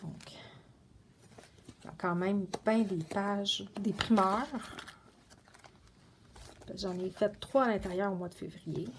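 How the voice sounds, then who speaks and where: A woman's voice: medium pitch, a little mellow, a little hiss or hum. A woman chatting casually in a show-and-tell vlog, meandering with many fillers and restarts. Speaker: coloring book vlogger.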